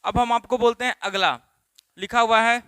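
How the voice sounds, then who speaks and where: A man's voice: extremely high pitch, moderate pace, sharp tone, clean tone, no echo. A man from Bihar with a Bihari Hindi accent, teaching a spoken English class and asking the students the same questions again and again. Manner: repetitive questioning, drills students. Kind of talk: classroom lesson.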